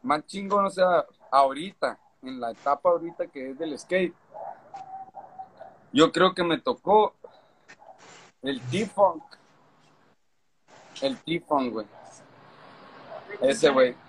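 Casting: man, northern Mexican accent, fairly high voice, casual interviewee talking in sweary street slang and circling back on phrases. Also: animated, takes it slowly, long pauses, a bit bright, a little hiss or hum, low-quality recording. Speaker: skateboarding event organizer.

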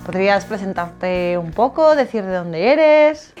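A woman hosting an interview show, gently prompting her guest with brief, friendly questions. Faint music plays behind her. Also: mid-range voice, expressive, a little slow, muffled recording. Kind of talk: faith interview.

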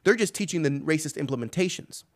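A man's voice: a little high, animated, quick pace. A man hosting a podcast, giving impassioned solo commentary with emphatic repeats and rhetorical questions. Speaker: podcast host.

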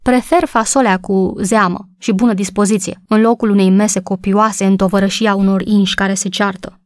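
A woman's voice: medium pitch, steady tone, dry recording, clean studio sound, close to an everyday voice. A woman doing a teasing young husband. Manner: joking, easygoing.

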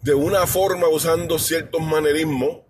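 A man's voice: a little high, fairly even intonation, normal speed, darkish tone, a little hiss or hum. A man from New York giving an emphatic, blunt, repetitive political commentary in a casual monologue. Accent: New York Spanish speaker. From New York, USA.

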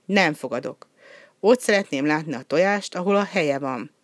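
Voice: medium pitch, no room sound, studio quality, close to an everyday voice. Brief: reader doing a mild, well-behaved penguin in a storybook, plain and earnest. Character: sensible, gentle male penguin.

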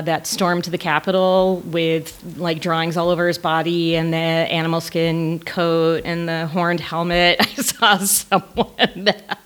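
Female scholar guest, low-pitched, chatty, prone to laughter. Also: a bit bright. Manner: chatty and laughing, with quick asides. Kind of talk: casual conversational podcast.

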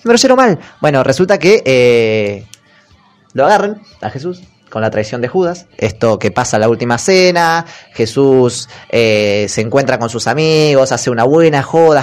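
A young man with an Argentine Spanish accent, hosting a podcast and retelling a story in a jokey, slangy way, breaking into put-on character voices. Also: medium pitch. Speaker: podcast host. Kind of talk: comic casual retelling.

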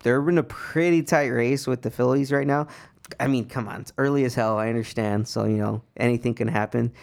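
A man's voice: medium pitch, steady tone, fairly quick, creaky. A young American man chatting casually about sports as a podcast co-host, in a slangy, laid-back frat-bro manner.

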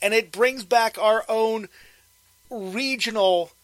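Chatty fifty-something guy from pittsburgh hosting, pretty high voice, laughs easy. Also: slow pace, no echo, low-quality recording. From Pittsburgh area, USA. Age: 50s. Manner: friendly, chatty, laughs easily. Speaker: interviewer host. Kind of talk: casual phone interview.

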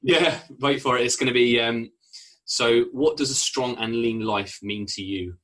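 A man's voice: mid-range voice, a little slow, a bit bright. A man hosting a casual fitness podcast interview, with an affirming, laid-back, slangy way of talking. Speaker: podcast host, fitness coach.

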